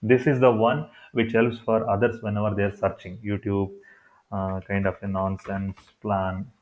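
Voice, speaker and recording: A man's voice: fairly low pitch, level tone, moderate pace, darkish tone. A man with a Kannada accent in Indian English explains steps in an improvised, repetitive way, as in an unscripted screen tutorial. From Karnataka, India. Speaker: tutorial presenter. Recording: thin, phone-like narrow-band sound.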